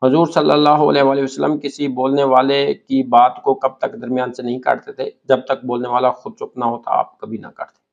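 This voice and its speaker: A male teacher with a Pakistani Urdu accent works through an exam-prep lecture, reading each question and then its answer. His voice has a gravelly edge, and he lists synonyms one word at a time. The recording sounds dull and lo-fi. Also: mid-range voice, monotone, few pauses.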